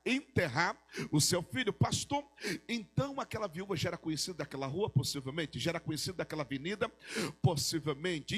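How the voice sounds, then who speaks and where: A Brazilian man preaching a Pentecostal sermon as pastor, with a repetitive cadence that rises into shouted, sing-song peaks. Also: high-pitched. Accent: Brazilian Portuguese. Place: church sanctuary.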